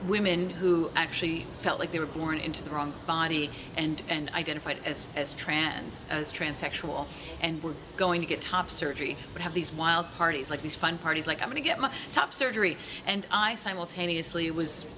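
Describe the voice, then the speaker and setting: A woman's voice: deep voice, flat delivery, normal speed, hardly any pauses. A woman in her forties speaking bluntly and frankly in an interview. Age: 40s. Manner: blunt, frank, with mild profanity. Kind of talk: candid interview talk. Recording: noisy recording.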